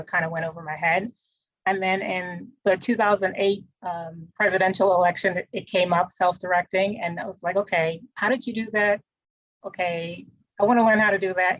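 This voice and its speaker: A woman from the Bahamas speaks as a podcast guest in a fairly low voice. Her audio is dull and lo-fi, as if from a remote line. She talks in a relaxed, unhurried way, with fillers and small restarts. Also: dry recording. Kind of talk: casual interview chat.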